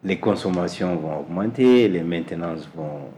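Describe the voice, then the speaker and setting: A man from Mali, answering as an interview guest in a measured way, repeating words as he searches for them. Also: low-pitched, mellow, a little hiss or hum. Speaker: guest, energy specialist.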